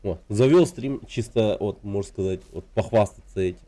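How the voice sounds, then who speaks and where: A man in his thirties from Russia chatting casually on his game stream, relaxed and rambling, with lots of filler words. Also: lowish voice, normal speed. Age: 30s.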